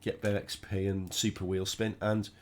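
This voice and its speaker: A British man with a cold, his voice croaky and a little low, provides casual commentary on a racing game for his gaming channel. At normal speed he chats easily, thinking out loud while driving, over a faint hiss or hum.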